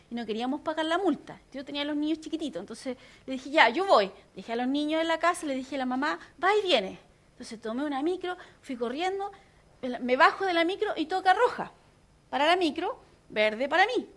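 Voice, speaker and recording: A middle-aged woman pastor with a Chilean Spanish accent, teaching a sermon in an animated, conversational way with jokes. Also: high-pitched.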